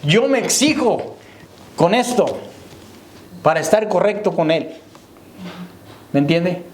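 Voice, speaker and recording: Taking his time, a man preaches in church with a high-sitting voice and lively intonation. He repeatedly addresses the brethren as "hermano" and asks "¿me entiende?" The sound is echoey, as in a church hall.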